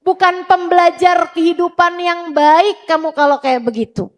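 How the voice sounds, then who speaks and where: A woman's voice: very high voice, fairly even intonation, normal speed. A woman preacher giving an emphatic sermon to women, addressing them directly and repeating her points. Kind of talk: sermon to a women's study group.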